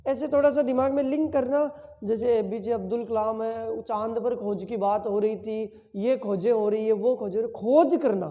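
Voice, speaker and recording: A man's voice: very high-pitched, warm tone, in a large hall. A male teacher giving an exam-prep lesson full of memory tricks, asking questions and answering them himself and repeating key words several times.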